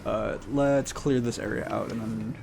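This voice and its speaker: A man's voice: mid-range voice, fairly even intonation, a little slow, vocal fry, noisy background. A man casually chatting while playing a video game on a live stream, laid-back and swearing now and then. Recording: game music loud behind voice. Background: game music.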